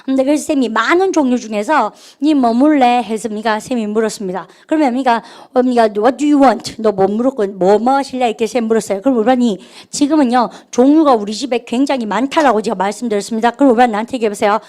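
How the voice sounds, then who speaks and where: A woman teaching an English grammar lesson in an energetic, call-and-response classroom manner. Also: on the high side, fast talker, hardly any pauses. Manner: energetic, drills students with call-and-response prompts. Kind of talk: lively classroom lecture.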